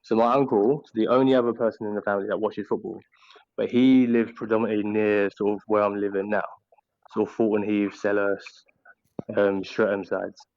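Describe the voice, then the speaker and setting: A man's voice: fairly low pitch, little pitch movement, darkish tone, no echo. A man who grew up in the Caribbean and East London, insistently arguing his view in a casual football debate. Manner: insistent, rapid-fire. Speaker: club podcast member. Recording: muffled online voice chat.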